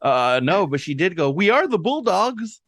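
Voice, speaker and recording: His voice sits high and sounds a bit bright and very animated, moving at a moderate pace. He's a young podcast co-host having a relaxed chat, telling stories peppered with slang and Spanish.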